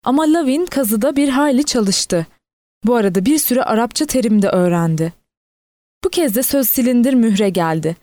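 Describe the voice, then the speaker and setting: A woman reading a novel aloud in steady audiobook narration, lightly voicing the quoted characters. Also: fairly high pitch, moderate pace, dry recording.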